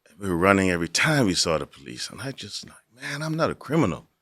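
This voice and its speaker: A man from the Bahamas speaks in a very deep voice, earnest and reflective as he tells his story to an interviewer. The sound is dry and close. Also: sing-song, fast, a bit bright, no echo. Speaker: guest.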